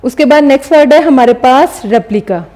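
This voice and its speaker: A woman teaching a recorded lesson, her voice slightly high and mellow. She explains patiently and step by step, stopping often to check that the class is following. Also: fairly quick. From Pakistan.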